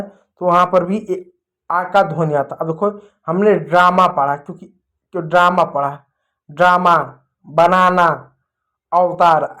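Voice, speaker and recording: A man teaching children with drilled repetition. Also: high-pitched. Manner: asks questions and answers them himself, repeating words slowly and loudly; addresses children affectionately. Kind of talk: classroom-style phonics lesson.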